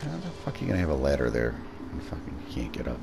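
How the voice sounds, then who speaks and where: A young man commenting on a game with a friend, swearing often and calling out tactics with excitement. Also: very deep voice, fast, gravelly, noisy background. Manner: profane, excitable tactical callouts. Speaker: gamer streaming with a friend. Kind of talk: casual gaming commentary.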